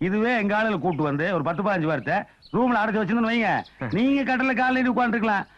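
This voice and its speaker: An actor playing a fast-talking, scheming male comic fixer in a film comedy scene, with cheeky, wheedling banter. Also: high voice, lo-fi sound, close to an everyday voice. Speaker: comic sidekick. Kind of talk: Tamil film comedy acting.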